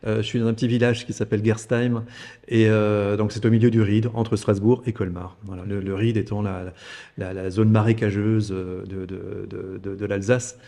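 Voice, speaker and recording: A man in his fifties from Alsace, France, talks casually as a podcast guest, repeating words often and using many fillers. His lowish, warm, creaky voice holds a level tone at a moderate pace, with a big-room sound.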